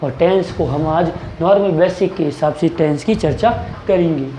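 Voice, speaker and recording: Coaching-class teacher, warm relaxed tone, question-and-answer drilling, echoey room. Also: mid-range voice, normal speed, a little hiss or hum. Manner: asks questions and answers them, repeating key words. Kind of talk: classroom grammar lesson.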